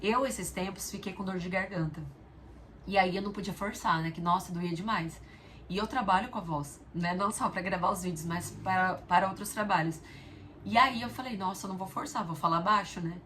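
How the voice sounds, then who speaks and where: A woman, the mother of a young daughter, hosts a reflective spiritual video, telling stories earnestly and speaking straight to the viewer. Her mid-range voice is fairly bright and a little fast, with a slight hiss or hum in the recording.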